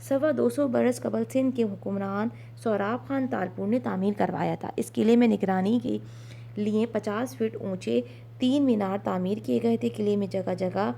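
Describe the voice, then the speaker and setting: A woman teaching a school lesson, explaining slowly with many fillers and English words mixed in. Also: medium pitch, creaky, warm tone, slight background noise. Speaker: Urdu tutor. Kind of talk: online class lesson.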